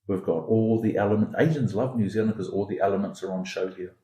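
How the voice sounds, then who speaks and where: Podcast guest, male, from Singapore: warm low voice, insistent repetitive delivery, roomy sound. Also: fast talker. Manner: emphatic, repetitive, builds points through extended metaphor. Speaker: founder of an education academy, podcast guest. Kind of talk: conversational podcast interview.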